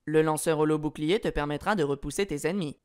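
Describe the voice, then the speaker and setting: A man's voice: fairly high pitch, quick pace, clean tone, voice pushed down, natural voice. A man voicing a helpful inventor who explains upgrades and controls to the hero of a video game. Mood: explaining.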